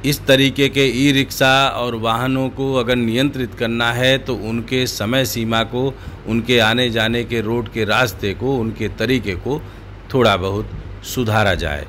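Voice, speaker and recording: A man's voice: mid-range voice, fairly even intonation, unhurried, a bit bright, slight background noise. A man giving critical news commentary in a sarcastic, indignant manner.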